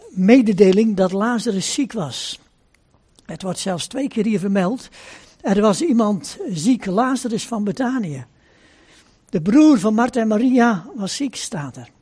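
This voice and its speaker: Male preacher, solemn sermon delivery, husky mellow voice, repeats phrases for weight. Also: high-pitched, animated. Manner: slow deliberate preaching with "hè" asides. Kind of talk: sermon with scripture reading.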